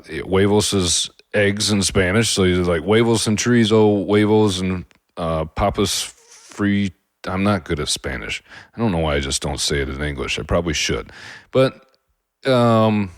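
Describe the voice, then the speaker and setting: A man talks alone into a close mic, hosting his own cooking podcast. His voice sits a little low and he rambles easily, stopping and restarting with many fillers. The sound is dry and close, with no room around it. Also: dry recording. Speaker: podcast host. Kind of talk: casual solo podcast talk.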